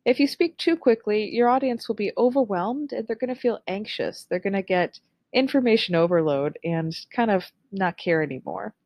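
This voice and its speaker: A young adult woman giving an online lesson on public speaking, with a clear, upbeat instructional delivery. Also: medium pitch, animated, normal speed, a little mellow, no echo.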